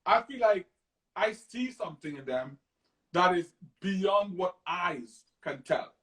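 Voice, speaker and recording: A man's voice: high-pitched, expressive, takes it slowly, a bit bright, poor audio. A man from Trinidad and Tobago, a musician guest talking in a playful, enthusiastic, casual interview chat over a phone live stream. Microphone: phone on a live video stream.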